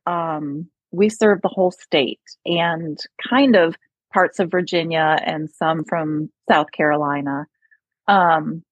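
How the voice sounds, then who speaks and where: A woman's voice: fairly low pitch, no room sound, lo-fi sound. A woman with an upstate New York accent, a speech therapist chatting as a guest in an interview, laughing often and using many fillers. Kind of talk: conversational interview.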